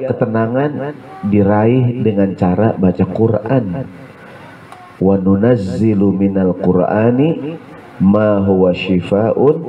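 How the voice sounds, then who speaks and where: A male preacher gives a humorous sermon at a home gathering, chanting Arabic verses and often asking the listeners "ya nggak?". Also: low voice. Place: home gathering after evening prayer. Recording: tinny phone-like sound.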